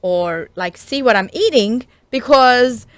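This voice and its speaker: A woman's voice: on the high side, lively intonation, slow pace, no echo. A woman hosting a cooking talk show on the radio, chatting casually and laughing often.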